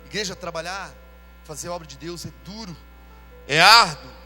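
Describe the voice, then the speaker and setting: A man preaching a sermon as pastor, in a casual, slangy way, calling out to his church and shouting when he acts out people. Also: a little high, a little fast, soft background music, low-quality recording. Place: church service with music behind.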